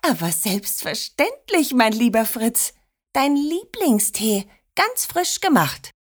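A woman's voice: mid-range voice, sing-song, takes it slowly, husky, exaggerated voice. A woman voicing a cheeky grandmother who scolds and plays pranks, switching to a sugary-sweet tone. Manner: mock-stern, then sugary sweet.

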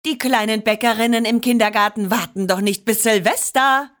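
A woman's voice: on the high side, steady tone, normal speed, a bit bright, close to an everyday voice. A woman voicing a caring but firm old grandmother with a touch in a storybook. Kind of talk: storybook reading.

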